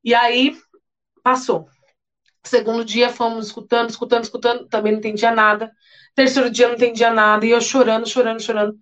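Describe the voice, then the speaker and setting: High-voiced woman giving an earnest testimony. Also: quick pace. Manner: animated, earnest storytelling with repetitions. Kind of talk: emotional testimony sermon. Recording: dull lo-fi sound.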